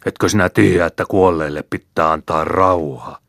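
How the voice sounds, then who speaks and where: A man reading the part of an angry old village healer who shouts and scolds. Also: low-pitched, steady tone, gravelly, no echo, studio quality. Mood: scolding.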